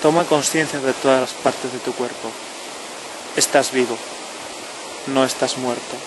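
Intimate guided-relaxation voice over loud stream noise. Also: mid-range voice, fairly even intonation. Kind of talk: slow guided relaxation narration, spoken to the listener. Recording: clear noise of rushing water. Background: running stream, natural outdoor ambience.

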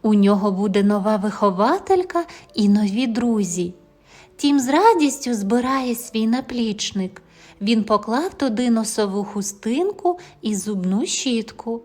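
A woman narrating a children's audio fairy tale in a gentle, expressive storytelling manner. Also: fairly high pitch, measured pace.

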